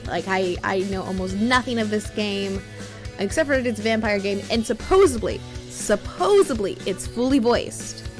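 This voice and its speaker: A woman's voice: mid-range voice, lively intonation, normal speed, over music. A woman from Texas streaming a game on a headset mic, chatting and laughing often as she reads along. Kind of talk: live game stream commentary and reading.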